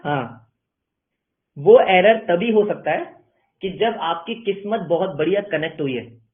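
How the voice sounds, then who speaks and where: A commerce teacher with a fairly high voice gives an online accounting lecture in a playful style. He answers his own questions in his students' voices, and the narrow recording sounds tinny, like a phone.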